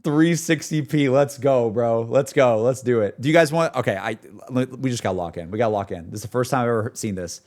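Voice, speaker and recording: This streamer talks fairly quickly with few pauses, his mid-range voice a little mellow. Addressing his chat casually and reacting on the fly, he repeats himself and leans on slang like "like", "bro" and "dude".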